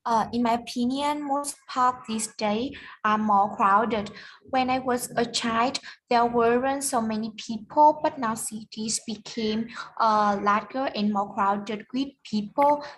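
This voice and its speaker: A woman's voice: fairly high pitch, slow, a bit bright, poor audio. A woman with a Vietnamese accent answering English speaking practice questions carefully, with hesitant fillers. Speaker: student.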